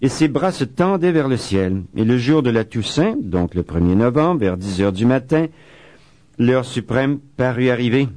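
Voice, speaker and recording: Man giving a calm spiritual talk. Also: medium pitch, no room sound. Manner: reads quoted writings slowly and solemnly, adds chatty asides. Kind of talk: spiritual talk on a saint's life.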